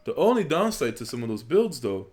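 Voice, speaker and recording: A young Polish-born gaming YouTuber, a native Polish speaker, gives relaxed, rambling commentary over gameplay into a USB desk microphone. His medium-pitched voice is brisk and packed with fillers, with soft background music.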